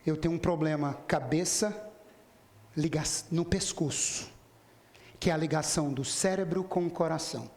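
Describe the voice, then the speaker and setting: A man's voice: fairly high pitch, normal speed, a little mellow. A man giving a spiritist lecture, telling a story and acting out the quoted dialogue while speaking straight to his listeners. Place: spiritist center lecture hall. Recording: echoey hall.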